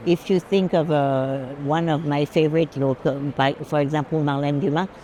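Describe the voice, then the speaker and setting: A curator and collection advisor talks casually about art at a busy art fair, voicing firm opinions. Her voice sits low with a dark, steady tone and a moderate pace, and clear urban ambient noise surrounds her.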